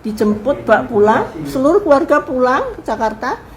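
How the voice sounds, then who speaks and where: An older woman, a guest in an interview, telling family history in a lively way and acting out the people she quotes. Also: high voice, moderate pace, a little hiss or hum, low-quality recording. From Indonesia. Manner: animated storyteller who acts out quoted people. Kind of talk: casual spoken reminiscence.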